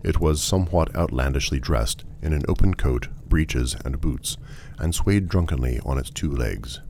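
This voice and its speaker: A man's voice: very deep voice, animated, normal speed, vocal fry, a little mellow, slight background noise. A man narrating a first-person story in a dry, wry, genteel manner.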